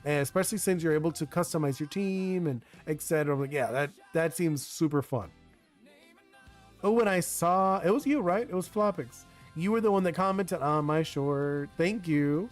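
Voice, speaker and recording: A chatty young streamer whose first language is Spanish talks casually with viewers while designing a card game. His fairly high voice moves at a moderate pace, rambling with lots of "like" and restarts, and music plays faintly behind him.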